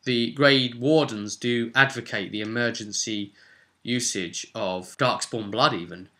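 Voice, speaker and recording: In an unhurried, mid-range voice that's bright and forceful, a British game master talks on his own vlog. It's a casual, unplanned ramble, full of chatty thinking aloud.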